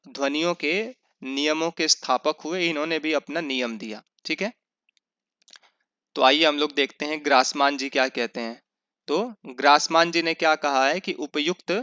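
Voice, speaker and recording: A man teaching an online revision lecture, explaining step by step by asking and answering his own questions and slowing down to spell out sounds. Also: on the high side, sharp tone, no room sound. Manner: slows down to spell out sounds and example words. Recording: dull lo-fi sound.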